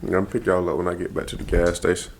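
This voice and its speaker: Rambling young man with a low voice. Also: monotone, racing, gravelly, background noise. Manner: rambling, loose, thinks out loud and corrects himself; laid-back slangy speech. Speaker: vlogger. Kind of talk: casual vlog talk to camera. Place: at home, then in a car before dawn.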